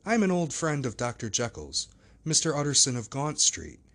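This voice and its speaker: A man's voice: mid-range voice, huge pitch swings, normal speed, a bit bright, pitched above the performer's own voice. A man voicing a perplexed, earnest older lawyer in a storybook reading, speaking in a raised, emphatic voice.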